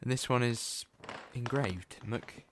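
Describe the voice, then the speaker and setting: A man's voice: medium pitch, slow, a bit bright, a little hiss or hum. A man playing the Doctor, an eccentric male sleuth in a fan audio drama, talking in a chatty, whimsical way.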